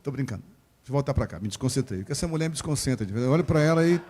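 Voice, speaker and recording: A man with a Brazilian Portuguese accent from Rio de Janeiro preaching a sermon at a church service, animated and acting out quoted voices, joking with the congregation. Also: medium pitch, racing, slight background noise. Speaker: pastor.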